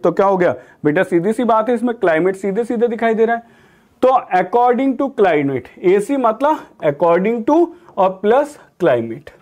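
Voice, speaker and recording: Lively-pitched Indian man teaching words. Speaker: vocabulary teacher. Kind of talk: online exam-prep vocabulary lesson.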